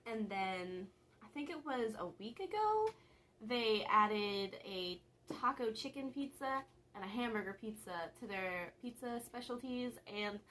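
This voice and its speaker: A woman's voice: on the high side, expressive, a little slow, fairly bright tone, slight background noise. A young woman vlogger chatting casually and rambling a little, with laughs between thoughts. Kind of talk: casual vlog chat.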